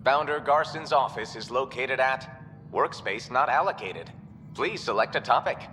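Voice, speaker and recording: A bright, formal male announcer for a space station, whose words ring out over the public address speakers with a long hall echo behind them. His delivery moves lively through its pitch while keeping an even, informative tone. A faint hiss sits under the loudspeaker sound. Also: normal speed. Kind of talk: video game station announcements.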